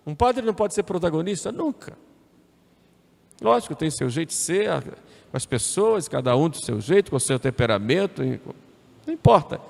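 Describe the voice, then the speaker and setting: A priest preaches his homily in a fairly high, gravelly voice. He talks to the congregation conversationally, with tag questions and repeated phrases. The sound rings with the long reverb of a church. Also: very animated, moderate pace, long pauses, a little mellow. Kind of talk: sermon.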